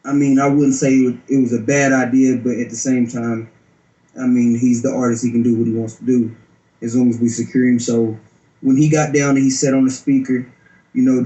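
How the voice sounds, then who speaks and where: A man's voice: mid-range voice, flat delivery, normal speed, warm tone. A man giving an informal interview account as a security guard. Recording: roomy echo.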